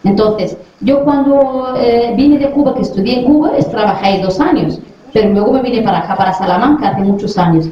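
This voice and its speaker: Her voice a little high and fairly quick, a middle-aged Western Saharan dentist speaks to a classroom of children, friendly and checking with questions that they keep pace. The recording was made far from the mic and is very echoey, dull and lo-fi.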